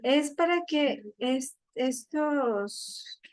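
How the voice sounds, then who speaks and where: A woman's voice: high-pitched, lively intonation, extremely slow. A young adult woman teaching a French class, patient and repetitive, checking in with her students. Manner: patient, repeats each point with check-ins. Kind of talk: online class lesson.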